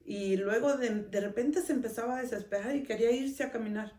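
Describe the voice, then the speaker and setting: A woman's voice: a little high, fairly quick, dark tone, far from the mic. Middle-aged woman, podcast host, chatty personal storyteller, recorded off-mic in a roomy space. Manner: conversational, often adds a questioning tag to her sentences. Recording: roomy sound, speaker off-mic.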